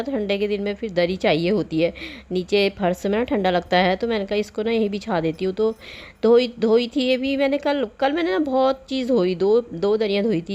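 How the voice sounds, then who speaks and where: A woman's voice: medium pitch, darkish tone, lo-fi sound. Chatty woman narrating her home vlog. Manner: chatty, rambling, laughs often while talking. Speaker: vlogger. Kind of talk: casual daily-life vlog narration.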